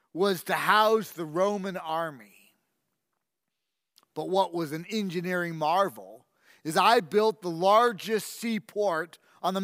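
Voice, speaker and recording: A man's voice: high-pitched, fairly bright tone, no room sound, clean studio sound, in a large hall. A man as vain, menacing King Herod. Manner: pompous, menacing, with slow drawn-out emphasis. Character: boastful tyrannical ancient king, ruthless and vain. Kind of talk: first-person dramatic monologue.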